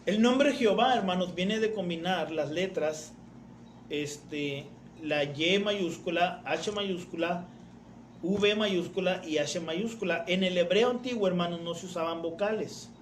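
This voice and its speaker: A man with a high voice gives a teaching sermon, methodically explaining and repeating his main points. He often turns to his listeners as brethren. The sound is roomy and echoing, with a faint hiss behind him. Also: measured pace. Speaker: preacher teaching doctrine. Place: church.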